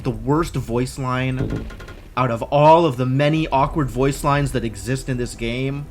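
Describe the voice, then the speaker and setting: A man's voice: mid-range voice, measured pace. A man giving casual gameplay commentary, thinking aloud as he plays. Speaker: gamer playing and commentating. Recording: clear background noise.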